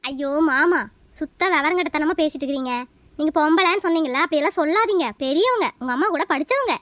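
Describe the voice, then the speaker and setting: A cheeky, chatty young daughter-in-law, played by a woman, her voice very high and quick to talk back. The recording is dry and close to the mic, in a homemade family comedy skit. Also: no echo. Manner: lively, cheeky.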